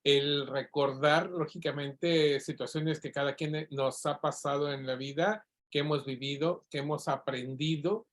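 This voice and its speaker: A man's voice: a little high, fairly even intonation, a little slow, hardly any pauses. A man hosting an interview, thanking the guest and summarizing in an appreciative tone.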